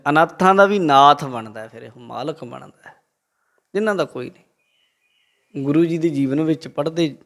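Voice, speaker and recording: A man with a Punjabi accent giving a religious talk, preaching and telling a story to a congregation. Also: fairly high pitch. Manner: lively, quotes the Guru and tells a story to the congregation. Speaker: Sikh preacher.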